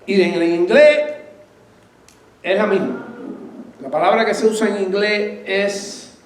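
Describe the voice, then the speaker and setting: A man preaching a sermon as pastor, asking his congregation questions and answering them himself, with lively bursts and laughs. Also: high-pitched, takes it slowly, echoey room.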